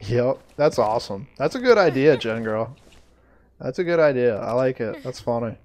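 A man streaming a game live, chatting to viewers, easily frustrated, swearing and breaking into loud surprised outbursts. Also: mid-range voice, animated, moderate pace, a little hiss or hum. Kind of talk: live gameplay commentary.

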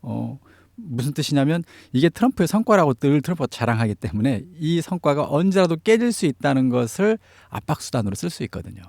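Animated male analyst with a lively pitch. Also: brisk, vocal fry, no echo, studio quality. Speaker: news commentator on North Korea affairs. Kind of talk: spoken analysis in an interview.

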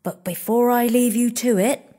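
A narrator voicing a bossy, bad-tempered elder sister who scolds and domineers in a shrill, high voice. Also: fairly even intonation, normal speed, dark tone, lightly acted. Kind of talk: storybook character voice.

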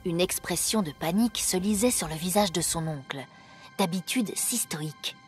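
A woman narrating a storybook game in a calm, measured way. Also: lowish voice, lightly acted. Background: game music.

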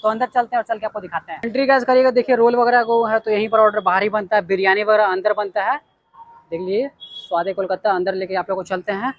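This young food vlogger from Bihar, India, has a high, steady voice and talks fast on a rough recording. Sitting in a small indoor restaurant dining room, he speaks straight to viewers, tasting dishes and recommending them in a casual way.

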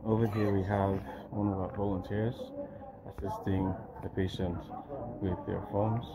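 Low-voiced man giving a walking tour. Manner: relaxed, pauses with frequent fillers. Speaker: foundation representative giving a clinic tour. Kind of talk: casual walking tour narration. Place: outdoor yard and indoor clinic rooms. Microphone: phone camera held while walking. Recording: dull lo-fi phone audio with loud crowd. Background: loud crowd chatter.

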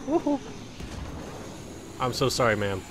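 A man narrating a video game as he plays, reacting loudly, swearing and laughing. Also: medium pitch, wildly swooping pitch, measured pace, heavy background noise. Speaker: gaming YouTuber. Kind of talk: let's play commentary.

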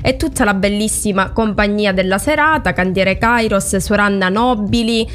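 A woman's voice: medium pitch, moderate pace, a bit bright, a little hiss or hum. A woman in her thirties with a Sicilian accent, hosting a casual interview from a small room at a desk microphone. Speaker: host. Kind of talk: casual video-call interview. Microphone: desk microphone on a boom arm.

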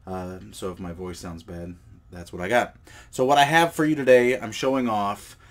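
In a casual show-and-tell vlog, a card collecting channel host with a cold presents cards at a table indoors. He rambles easily, using fillers and correcting himself, in a voice on the low side at a moderate pace.

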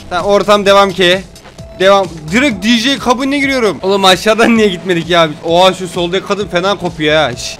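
A young man giving casual let's-play commentary, jokey and excitable, swinging from low mutters to sudden yelps and shouts. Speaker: gaming YouTuber.

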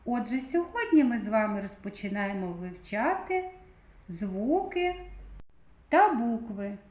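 A woman teaching little children in a slow, sing-song lesson voice, stretching out the key sounds. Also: medium pitch, big pitch swings, a little mellow. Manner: exaggerated, drawn-out stressed sounds. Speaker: kindergarten teacher. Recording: echoey room.

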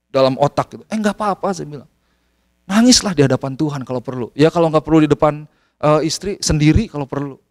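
A man with an Indonesian accent preaching a sermon in a lively way, acting out bits of dialogue and slipping into English phrases. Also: fairly high pitch. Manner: animated, mixes in English phrases, acts out dialogue. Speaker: pastor.

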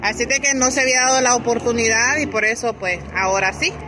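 A woman's voice: a little high, fairly even intonation, quick pace. A woman with a Salvadoran Spanish accent, chatting casually as a vlog host behind the camera. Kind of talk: casual chat, interviewing on camera. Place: outdoors by a rural road and farmyard. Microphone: behind the handheld camera. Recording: bright outdoor phone audio, faint background noise.

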